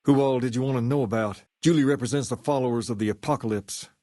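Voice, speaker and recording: An actor playing an easygoing, self-assured gang leader styled as a rock-and-roll king in a video game, with folksy, colloquial, measured delivery. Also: medium pitch, warm tone, no echo, studio quality, close to an everyday voice. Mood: relaxed, folksy. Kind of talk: scripted game character dialogue.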